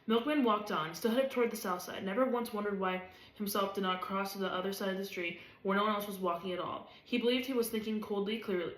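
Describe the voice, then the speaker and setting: A woman reading a novel aloud, steady and even. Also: mid-range voice, fast talker. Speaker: reader. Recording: roomy echo.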